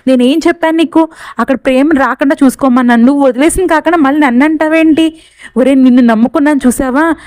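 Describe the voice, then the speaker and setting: A jealous, scheming young woman lashes out in sharp, accusing tones, voiced by a woman narrating a serial. Her voice is high and smooth, recorded close and dry. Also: no room sound, natural voice.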